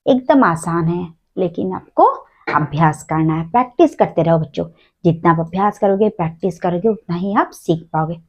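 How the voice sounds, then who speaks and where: A woman teacher giving a children's phonics lesson, sounding out syllables slowly in a sing-song way. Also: on the low side. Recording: dull lo-fi recording.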